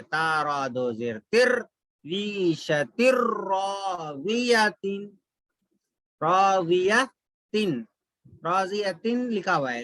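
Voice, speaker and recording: Male tajweed teacher, high voice, dry close sound, unhurried, repeats each example. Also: pushed and bright, no echo. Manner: drawls out the Arabic examples syllable by syllable, repeating each. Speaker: Quran recitation teacher. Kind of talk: step-by-step tajweed lesson.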